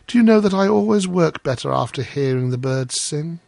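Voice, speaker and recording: Male narrator playing a meek little man, humble, naive, eager to please, raised lilting pitch, storybook. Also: animated, fairly quick, vocal fry, a little mellow, no echo. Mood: meek, apologetic. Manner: meek, deferential. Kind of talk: storybook character voice.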